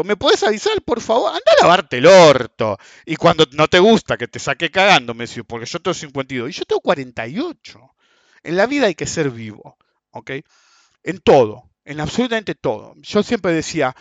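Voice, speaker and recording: In a dull, dry lo-fi recording with no room sound, a man in his forties rants about markets. He speaks with a Rioplatense Spanish accent in a fairly high voice, blunt and crude, constantly asking "ok?" as he goes.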